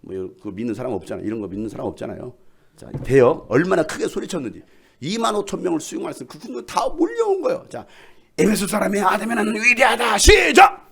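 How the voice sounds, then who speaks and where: A male pastor preaching a lively sermon, joking with the congregation and shouting. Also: medium pitch, quick pace, gravelly. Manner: animated, shouts and jokes with the congregation. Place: church sanctuary.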